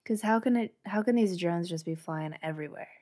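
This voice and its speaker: A woman's voice: on the low side, fairly quick, warm tone. A woman co-hosting a podcast, chatty and eager, bringing up news in casual conversation. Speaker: podcast co-host. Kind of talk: casual chat.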